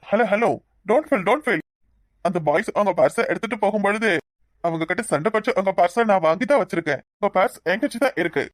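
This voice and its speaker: A woman's voice: medium pitch, animated, brisk, no echo, studio quality, lightly acted. A woman voicing an awkward young man back from abroad, who mixes broken English into his Tamil in a cartoon. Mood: reassuring.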